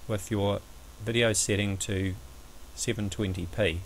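Low, creaky-voiced man explaining on screen. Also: steady tone, unhurried, a little hiss or hum, rough recording. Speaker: amateur astronomy video presenter. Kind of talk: screen-recorded explanatory commentary.

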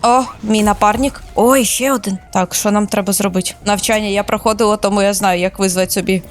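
A woman streamer chatting casually while playing a shooter for the first time, excitable, squealing and laughing at surprises. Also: medium pitch, fairly quick, soft background music. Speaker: gaming streamer. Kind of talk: casual let's-play commentary.

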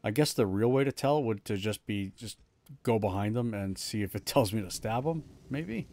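A lowish, animated, slightly mellow voice at a moderate pace belongs to a man in his thirties livestreaming a game at home. He chats casually, pokes fun at his own play and often restarts what he's saying.

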